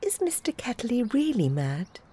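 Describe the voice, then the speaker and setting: A woman voicing a curious, lively young girl who talks in a chatty, eager way. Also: fairly high pitch, normal speed, husky, pitched above the performer's own voice, exaggerated voice.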